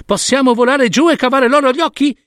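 A man's voice: very high-pitched, brisk, fairly bright tone, dry recording, studio quality, pitched above the performer's own voice. A man voicing small, stubborn stork chicks in a storybook reading, whiny and pleading.

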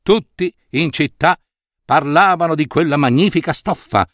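A man reading a fairy tale aloud, expressive and playful, with occasional asides. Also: on the high side, normal speed, dry recording, clean studio sound. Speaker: storyteller.

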